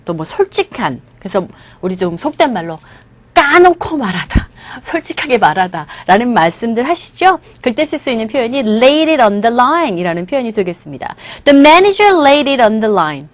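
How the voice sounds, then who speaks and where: A woman lecturing on English expressions, checking in with her students and slowly drilling each phrase's pronunciation. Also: medium pitch, dry recording. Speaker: English teacher.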